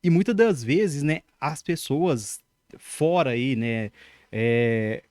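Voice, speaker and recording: A man's voice: mid-range voice, slow pace, a little mellow, studio quality. A young man hosting a casual interview, echoing his guest's words and framing things in religious terms. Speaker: podcast host.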